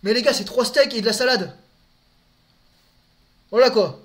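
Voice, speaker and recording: A man's voice: very high voice, moderate pace. A man streaming live, answering his viewers' questions in a loose, casual chat full of crude slang and stumbling repeats. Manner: crude slang, repeats words, talks to his audience directly.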